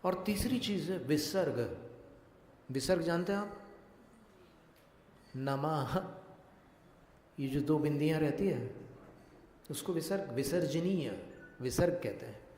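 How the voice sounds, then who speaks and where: Male monk, religious discourse, slightly high voice, very slow and deliberate, questions the audience, long echoing hall reverb. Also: expressive, a little mellow, slight background noise. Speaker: Jain monk giving a discourse. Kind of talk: religious discourse teaching Sanskrit pronunciation.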